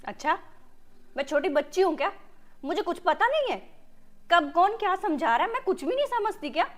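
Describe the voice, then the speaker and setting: A defiant young daughter-in-law, played by a woman, stubborn and quick to take offence. Her high voice jumps higher still as she argues back in this short film drama. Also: big pitch swings. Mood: indignant. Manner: sulky and argumentative, pitch jumps when upset. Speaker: actress in a family short film.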